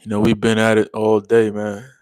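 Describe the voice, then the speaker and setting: A man's voice: lowish voice, completely flat delivery, moderate pace, a little mellow, smooth, dry recording. A young man hosting a casual livestream in a laid-back, slang-heavy drawl, tired and yawning after a long day. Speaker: livestream host. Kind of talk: casual livestream chat reading comments.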